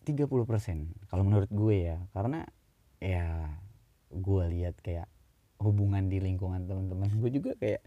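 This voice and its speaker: A young man talking casually to the camera, slangy and animated, sometimes jumping up high for mock pleading. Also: moderate pace, dry recording, narrow, tinny audio. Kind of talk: casual monologue.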